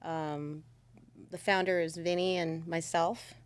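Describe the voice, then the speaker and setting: A woman's voice: on the low side, level tone, takes it slowly, no room sound. A middle-aged woman, a singer, chatting as a podcast guest in a studio, easygoing and teasing. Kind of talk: casual podcast chat.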